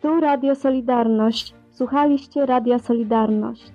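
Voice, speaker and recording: A woman's voice: fairly high pitch, steady tone, normal speed, dull audio, faint music behind. A woman announcer reading a solemn manifesto for an underground radio broadcast, recorded on old worn tape.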